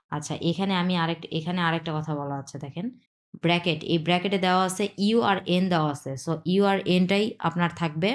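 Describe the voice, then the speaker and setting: Woman teacher, lowish voice, patient lesson delivery, repeats each sound to model it. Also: a little mellow. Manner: mixes English words into Bengali. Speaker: language teacher. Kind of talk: explanatory language lesson.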